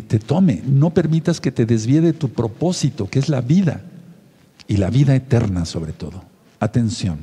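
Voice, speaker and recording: Dark, husky-voiced preacher in a reverberant hall. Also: male voice, mid-range voice. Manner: leads the listeners in repeating phrases. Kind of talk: sermon with call-and-response affirmations.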